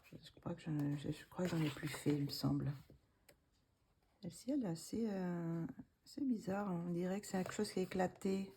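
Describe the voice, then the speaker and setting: A woman casually showing her coloring books, hesitant with many fillers and restarts, gently self-deprecating. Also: fairly low pitch, brisk, a little hiss or hum. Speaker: coloring book vlogger.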